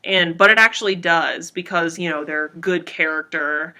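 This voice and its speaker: A woman's voice: lowish voice, moderate pace, bright, forceful tone. A woman co-hosting a casual comedic podcast in an irreverent, sarcastic way, speaking through a fabric face mask. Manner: irreverent, sarcastic, swears freely. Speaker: podcast co-host.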